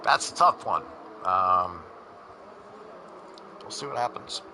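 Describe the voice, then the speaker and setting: A man with a New York accent commentates a sim race in a low-pitched, expressive voice at a slow pace. His delivery is casual and rambling, full of fillers and restarts. The recording is noisy, with racing car engines sounding in the background.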